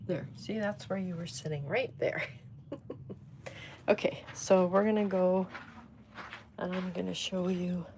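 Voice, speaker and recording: A woman speaks in an unhurried, rambling way while she shows off her garden. She is filming herself on a handheld phone outdoors, and her voice sits slightly low. A faint outdoor ambience runs underneath. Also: fairly even intonation, background noise. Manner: chatty, rambling, fond of her plants. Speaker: host. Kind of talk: casual livestream chat and garden tour. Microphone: phone held in hand.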